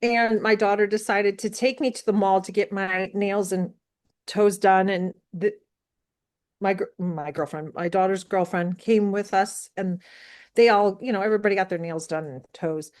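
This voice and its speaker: A woman in her sixties from the United States, telling a story as an interview guest in an animated, rambling way with many fillers. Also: medium pitch, normal speed. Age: 60s. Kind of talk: casual storytelling.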